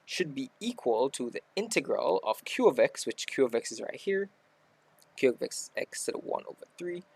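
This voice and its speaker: Male maths tutor, mid pitch, gravelly, dry room, casual step-by-step explainer. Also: no echo. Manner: talks through steps aloud, self-correcting. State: hiccuping. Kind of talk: casual worked-example lesson.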